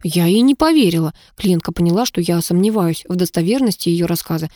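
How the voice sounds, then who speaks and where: Woman narrating with a mellow tone. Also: lowish voice, animated, brisk, no room sound. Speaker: audiobook narrator. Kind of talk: first-person audiobook narration.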